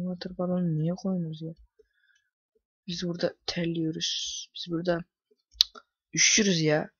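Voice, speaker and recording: Teen male gamer, ranting commentary, breathy, dry muffled home recording. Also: sits high, a bit bright, no echo. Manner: frustrated, swears often, rants at the game. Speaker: gaming YouTuber. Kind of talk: casual gameplay commentary.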